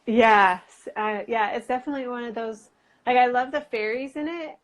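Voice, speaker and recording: This illustrator and writer from Utah, United States, speaks in a fairly high voice at a moderate pace. Appearing as a guest in a casual chat, the American woman talks in a loose, rambling, chatty way, frequently using "like."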